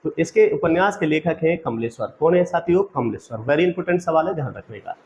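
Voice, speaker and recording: A man's voice: a little high, lively intonation, fast, darkish tone, slight background noise. A male exam-prep teacher giving a quiz-style lecture. He asks each question, gives the answer, then asks again so the students repeat it, and keeps calling the audience friends.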